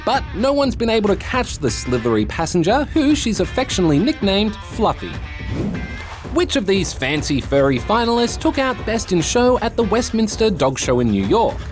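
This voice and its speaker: An Australian man narrates kids' news in a high, hugely varied voice. He explains things playfully over a light music bed. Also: big pitch swings, moderate pace. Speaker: news presenter for children. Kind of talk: scripted educational news narration.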